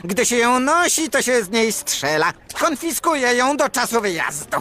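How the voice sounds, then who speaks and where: A mild, preachy police chief. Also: male voice, extremely high pitch, moderate pace. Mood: reasoning. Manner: calm, reasoning, slightly preachy. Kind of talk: cartoon dub acting. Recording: music behind.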